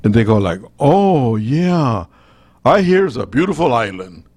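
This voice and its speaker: Gravelly-voiced Costa Rican radio host. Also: male voice, mid-range voice, very animated, measured pace, darkish tone. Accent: Costa Rican Spanish. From Costa Rica. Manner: rambling, anecdotal, with many restarts. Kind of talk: casual radio talk.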